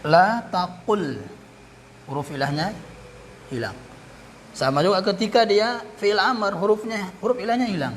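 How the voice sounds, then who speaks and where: A man teaching Arabic grammar in a classroom lesson, repeating each term and pausing to correct himself. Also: high voice, slight background noise.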